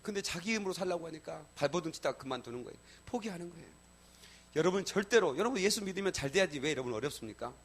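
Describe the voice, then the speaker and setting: A middle-aged male pastor preaching a sermon in a church, telling personal stories in a lively colloquial way, swinging from loud exclamations to soft asides and often checking in with the congregation. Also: fairly high pitch, very fast, hardly any pauses, breathy edge. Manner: colloquial, addresses congregation with repeated "예?". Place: church sanctuary.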